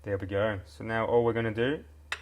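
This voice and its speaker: A man's voice: lowish voice, steady tone, brisk, slight background noise. A laid-back man chatting casually while he demonstrates a recipe as a guest cook. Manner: easygoing, laid-back, joking. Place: kitchen.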